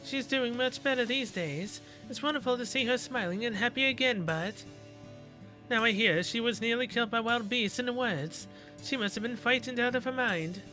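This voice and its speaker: A man voicing a gentle, polite young woman servant who speaks softly and a little nervously. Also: very high-pitched, moderate pace, faint music behind. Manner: soft-spoken, courteous, slightly nervous.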